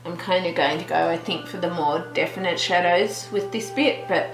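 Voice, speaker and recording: Casting note: woman, lowish voice, casual art-tutorial host who thinks out loud; roomy echo, faint music behind. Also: moderate pace. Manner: chatty, thinks aloud, trailing restarts. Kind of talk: relaxed real-time art tutorial chat.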